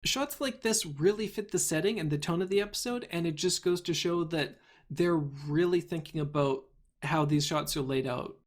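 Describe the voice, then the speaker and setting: A man's voice: fairly high pitch, normal speed. A man hosting a casual review discussion, leading the talk and laughing easily. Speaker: podcast host.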